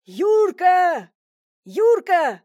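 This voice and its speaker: A woman voicing a devoted husband, an army major, who speaks softly and tries to calm his wife. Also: mid-range voice, measured pace, no room sound, dull audio, natural voice. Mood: alarmed. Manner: soft, placating.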